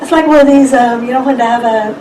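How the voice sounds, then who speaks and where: Woman speaker, fairly high voice, chatty seminar talk, recorded from far off with noise behind. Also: fast talker. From Ireland. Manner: lively, chatty, with asides to the audience. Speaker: conference speaker. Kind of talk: presentation to a seminar audience. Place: lecture room. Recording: echoey room, distant mic, background noise.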